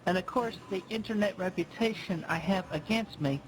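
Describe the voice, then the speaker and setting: A man's voice: sits high, a little fast, slight background noise, low-quality recording. A man reading his own scripted personal narration in an earnest, pleading way, listing his traits one by one. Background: music.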